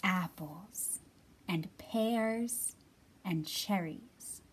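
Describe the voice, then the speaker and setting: Reading picture books and chatting expressively with young children, a librarian in her thirties leads storytime. She speaks very slowly in a mid-range voice, and there's a little hiss or hum in the audio.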